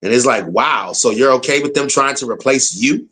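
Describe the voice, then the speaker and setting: A man's voice: medium pitch, moderate pace, pushed and bright, breathy edge. An American man giving a blunt, slangy political rant, repeating his points for emphasis. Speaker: political commentator. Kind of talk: casual opinion rant.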